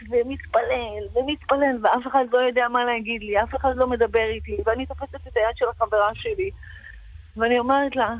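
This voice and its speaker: Woman guest, emotional testimony, animated and repetitive, dull dry radio audio. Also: fairly high pitch, dry recording. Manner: animated, repeats words for emphasis.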